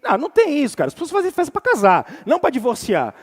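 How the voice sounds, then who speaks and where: A man's voice: very high voice, huge pitch swings, quick pace, in a large hall. A Brazilian man preaching a casual sermon as pastor, talking informally and addressing the congregation directly with everyday slang. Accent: Brazilian Portuguese. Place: church sanctuary.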